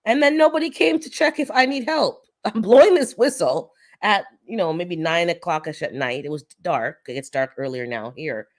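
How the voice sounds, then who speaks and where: Her fairly low voice moves at a moderate clip with lively intonation and hardly any pauses as she runs a casual gardening stream. Slightly congested, she laughs frequently, spins stories, and welcomes viewers by name.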